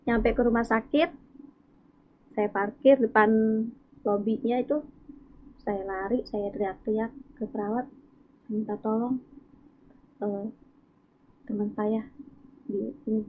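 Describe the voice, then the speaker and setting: A woman's voice: medium pitch, steady tone, slow pace, pauses often, a little hiss or hum. A woman guest tells a personal faith testimony with feeling, acting out what people said. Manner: emotional storytelling, acts out dialogue. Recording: tinny, phone-like sound.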